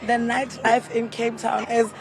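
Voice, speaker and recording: Hoarse South African woman, voice nearly gone. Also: fairly high pitch, little pitch movement, unhurried. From South Africa, Free State. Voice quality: hoarse, worn-out voice. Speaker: holidaymaker interviewed on the street. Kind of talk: casual street interview. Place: outdoors on a city street. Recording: outdoor street with traffic noise.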